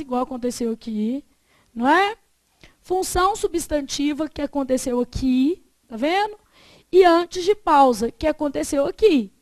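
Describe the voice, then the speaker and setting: A Brazilian woman teaching a classroom grammar lecture, constantly checking whether the students follow with quick tag questions. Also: high-pitched, dry recording.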